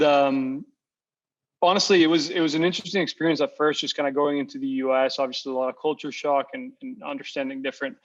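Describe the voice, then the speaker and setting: A young man from Costa Rica, the guest, telling his story in a relaxed interview with many fillers and repeated words. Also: medium pitch. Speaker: founder and guest. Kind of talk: casual interview. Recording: slightly dull lo-fi audio.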